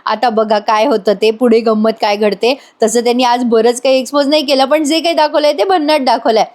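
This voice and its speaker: A woman's voice: on the high side, fairly even intonation, fairly quick, a little mellow. A woman hosting a casual voice-over recap, chatty and storytelling, talking straight to her viewers. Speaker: serial review host.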